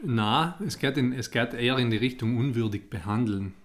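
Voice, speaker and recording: A man with a medium-pitched voice, speaking at normal speed, co-hosts a podcast. He tells stories and banters casually in colloquial dialect.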